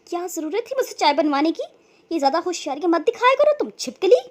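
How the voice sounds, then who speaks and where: A woman's voice: high voice, big pitch swings, normal speed. A woman voicing a hot-tempered young woman who snaps resentfully at her cousin. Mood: angry. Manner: snapping, resentful.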